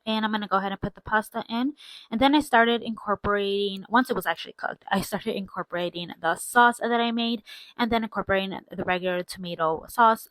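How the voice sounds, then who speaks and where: A woman's voice: medium pitch, a bit bright, no room sound, rough recording. Woman vlogger, casual and close-miked, dry sound. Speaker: vlogger, stay-at-home mother. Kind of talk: casual vlog chat to viewers. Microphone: clip-on lapel mic.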